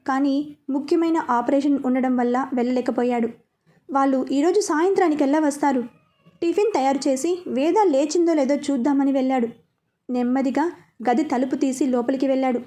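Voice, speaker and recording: A woman narrating a romantic story in an unhurried, even storytelling voice. Her voice is high and mellow.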